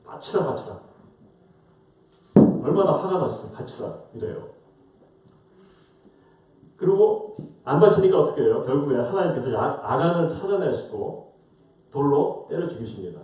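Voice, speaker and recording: A male pastor delivers a sermon with a lively, rising and falling delivery, asking the congregation question after question. His tone is dark and mellow. He sounds distant from the microphone, in a large church with strong echo. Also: a little high, moderate pace, pauses often. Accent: Korean-American. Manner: rhetorical questions, acts out voices. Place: church sanctuary. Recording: roomy distant church mic.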